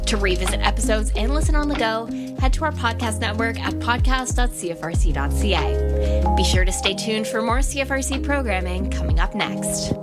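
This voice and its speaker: A woman radio announcer reading scripted event listings and station credits at a brisk, upbeat clip. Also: mid-range voice. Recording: loud music bed behind voice.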